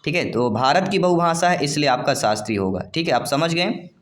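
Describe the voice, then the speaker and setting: A man's voice: a little high, animated, brisk. A man teaching an exam-prep lesson, reading each question aloud and then explaining it to viewers he calls his dear friends.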